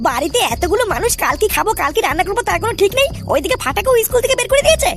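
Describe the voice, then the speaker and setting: A woman's voice: extremely high pitch, sing-song, very fast, soft background music. A woman voicing cartoon characters, mostly an angry, nagging wife scolding her husband. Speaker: cartoon voice actor. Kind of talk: Bengali cartoon dub.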